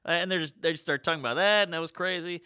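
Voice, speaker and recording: A man co-hosting a comedy podcast, telling stories in casual chat and slipping into quick voices for the people he quotes. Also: fairly high pitch, clear, resonant tone, no room sound, studio quality. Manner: animated storyteller, does quick voices in quotes.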